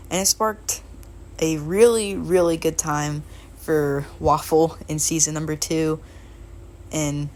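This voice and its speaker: A woman's voice: lowish voice, slight background noise. A young woman recounting her racing league's history in a rambling, unsure way, with a laugh now and then. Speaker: league member narrating history. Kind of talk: casual chat.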